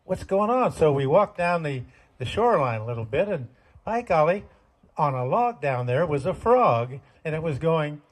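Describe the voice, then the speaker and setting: A man's voice: on the high side, sing-song, moderate pace. An older man telling folksy, self-deprecating jokes as stand-up comedy at a community talent show.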